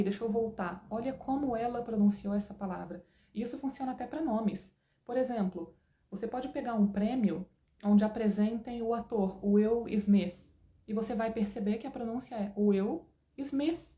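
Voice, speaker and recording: A woman's voice: mid-range voice, dark tone, reverberant. A woman with a Brazilian Portuguese accent giving an online English lesson, explaining patiently with opinionated asides. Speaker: English teacher.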